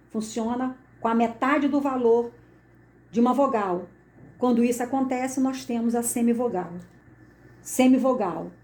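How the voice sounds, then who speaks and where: A woman teaching a Portuguese grammar lesson, explaining slowly and deliberately and repeating the key words. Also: a little high, a little mellow. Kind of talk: classroom lesson at a board. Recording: echoey room.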